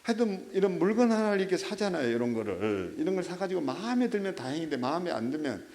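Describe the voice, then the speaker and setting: A middle-aged male pastor delivering a sermon in a fairly high voice. His pitch swings widely as he tells stories with animation, turning to check in with his listeners through quick rhetorical questions. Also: sing-song, a little mellow.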